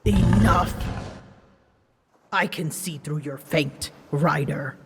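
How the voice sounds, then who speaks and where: A woman voice actor plays an ancient, huge female dragon in a scripted roleplay drama, haughty and easily flustered, scolding her rider in formal, measured speech that hides her fondness. Her voice is low, her mood stern and unsettled. The recording has long reverb and clear background noise.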